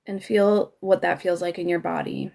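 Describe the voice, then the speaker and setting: A woman coaching listeners through a guided emotional exercise on a live stream, giving slow, instructive directions with soft, breathy asides. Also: lowish voice, fairly even intonation. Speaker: healing coach.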